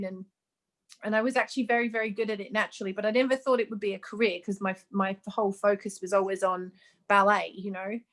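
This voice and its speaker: A makeup artist in her fifties, born in Sweden and raised in Australia, appears as a guest in a casual interview. She speaks at a medium pitch, chatty and earnest, with lots of ums.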